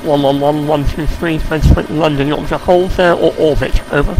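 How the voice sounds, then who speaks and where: A man with a slightly high, creaky voice makes short radio calls as a game pilot. His delivery is businesslike and procedural. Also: steady tone, brisk, noisy background. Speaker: helicopter pilot in military game. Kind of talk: military radio procedure chatter.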